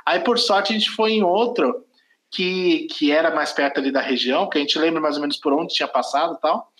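A man's voice: on the high side, fairly quick, fairly bright tone, roomy sound, rough recording. A Brazilian man hosting a podcast, telling a travel story in casual chat, rambling and correcting himself. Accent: Brazilian Portuguese. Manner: rambling, self-correcting, laughs at own story. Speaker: podcast host.

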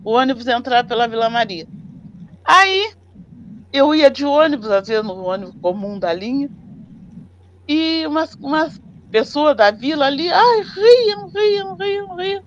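An older woman, recalling her working life in an oral history interview and telling her stories in an animated way. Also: fairly high pitch, moderate pace, pauses often, slight background noise. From southern Brazil. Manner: animated storyteller who acts out dialogues. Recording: slightly dull, dry recording.

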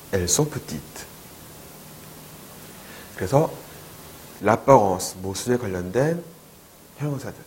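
Male language teacher for a video lecture. Unhurried, patient, low-pitched, with faint hiss on the recording. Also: darkish tone, poor audio. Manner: patient, repeats words slowly for learners. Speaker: French teacher.

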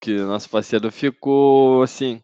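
A man's voice: medium pitch, fairly even intonation, normal speed, dark tone, smooth, no echo. A man with a Brazilian Portuguese accent chatting casually and in slang on a football podcast, recorded with dull, lo-fi sound. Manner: slangy, conversational. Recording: dull, lo-fi microphone audio.

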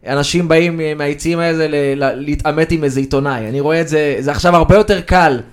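A man co-hosting a sports podcast, chatting casually and wandering from point to point with plenty of fillers. His voice sits a little higher than most men's. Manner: conversational, digressive, with frequent fillers. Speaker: sports journalist, podcast co-host.

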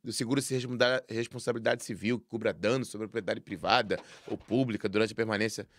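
A man's voice: on the low side, fairly even intonation, fast talker, fairly bright tone, no room sound, clean studio sound. A man with a Brazilian Portuguese accent co-hosting a casual live discussion, reading items aloud with hesitant fillers. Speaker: co-host.

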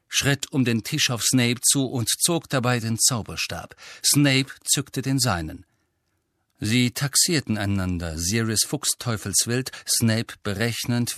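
Slow, measured male audiobook narrator. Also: mid-range voice, a bit bright, dry recording, clean studio sound. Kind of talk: scripted narration.

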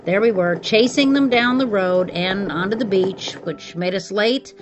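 A woman's voice: medium pitch, unhurried, lo-fi sound, music in the background. A middle-aged woman hosting a podcast, telling a scripted personal story. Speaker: podcast host.

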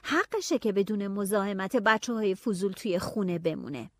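A woman narrating a novel in the first person, telling it in a lively, expressive way. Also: on the high side, no room sound, studio quality. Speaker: audiobook narrator.

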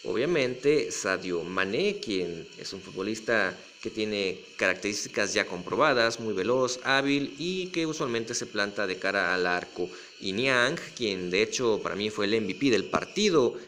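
A man with a hoarse, raspy voice hosting a football recap, talking in a colloquial way as if to pals. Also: lowish voice, fairly bright tone. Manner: colloquial, addresses fans as pals. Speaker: football commentator, host. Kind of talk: football match recap commentary.

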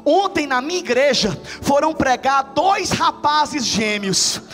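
A man's voice: very high voice, lively intonation, takes it slowly, a bit bright, exaggerated voice. A male preacher voicing a kind, devout female bank manager who soothes and earnestly persuades. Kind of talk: acted quotes in a sermon. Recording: reverberant hall with faint music.

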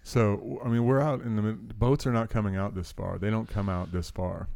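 A man with a fairly low voice is telling a story on a casual podcast. He is animated and swears freely, often breaking into laughs. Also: a little fast, vocal fry.

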